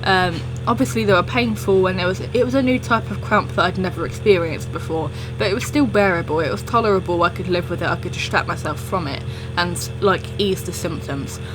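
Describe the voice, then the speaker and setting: Music plays clearly behind a young woman. Her voice sits a little low for a woman. She tells her story casually, rambling and breaking off her own sentences to start again. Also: a little fast, hardly any pauses, low-quality recording. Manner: rambling, self-interrupting. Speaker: storytelling video creator.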